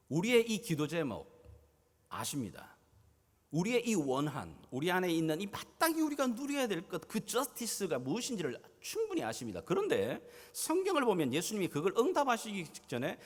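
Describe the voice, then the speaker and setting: A man preaching a sermon as pastor, dramatic, swinging his loudness and pitch as he acts out scenes. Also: big-room sound. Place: church sanctuary.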